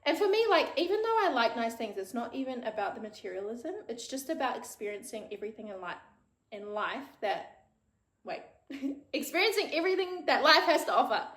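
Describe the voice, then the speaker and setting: Her high voice swings widely in pitch, a little fast and a bit bright, with reverb around it. She's a podcast host in her thirties with a New Zealand accent, chatting solo, frankly and casually, cursing freely.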